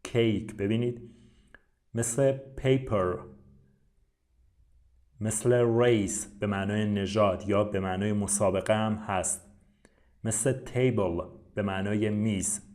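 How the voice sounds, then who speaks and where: A man's voice: on the low side, steady tone, pauses often, darkish tone. A man teaching beginner English in a lesson video, patiently going through letters and their sounds one at a time. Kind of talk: Persian-language English lesson.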